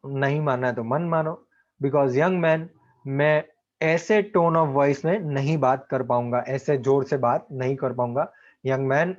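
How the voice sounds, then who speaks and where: A man's voice: on the high side, darkish tone, lo-fi sound, lightly acted. A man voicing a stubborn, condescending older male landowner from a play. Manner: condescending, calling the other "darling".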